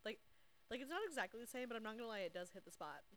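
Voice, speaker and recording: A woman's voice: fairly high pitch, lively intonation, very fast, fairly bright tone, slight background noise. Chatty young Southern woman. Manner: chatty, playful, laughs a lot. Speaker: podcast co-host. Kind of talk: casual chat. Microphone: shared podcast mic.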